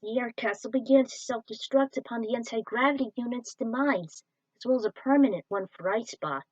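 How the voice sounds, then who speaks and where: A woman reads aloud from an adventure story script as an amateur podfic narrator, fairly high-pitched and fairly quick. The lo-fi home recording sounds dry.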